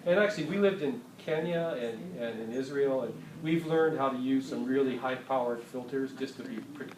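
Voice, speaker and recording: A man chatting easily with a group, his pitch middling and his speech full of fillers. He sounds far from the microphone in a room with a lot of echo. Background noise sits under his voice. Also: normal speed. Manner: relaxed, chatty, with frequent fillers. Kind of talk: casual talk to a group. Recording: roomy, far from the mic, noisy.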